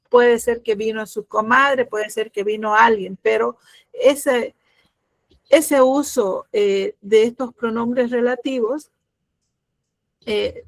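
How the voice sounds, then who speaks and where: A middle-aged woman teaching a grammar lesson, explaining patiently, often pausing with fillers and checking that students follow. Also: fairly high pitch, no room sound.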